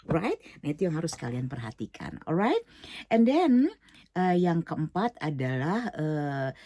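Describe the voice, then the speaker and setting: A middle-aged woman teaching an online singing lesson, explaining slowly with many fillers and English words mixed in. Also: lowish voice, mellow, slightly rough, no echo.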